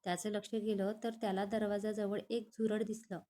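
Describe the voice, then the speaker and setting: A woman storyteller in scripted narration, reading a love story gently aloud. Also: mid-range voice, level tone, fairly quick.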